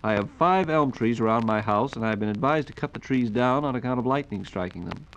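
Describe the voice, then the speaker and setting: A man with a medium-pitched voice hosts a 1940s radio program from a studio, reading listener questions in a formal, courteous announcer's manner. He speaks fairly quickly, and the noisy period recording sounds lo-fi.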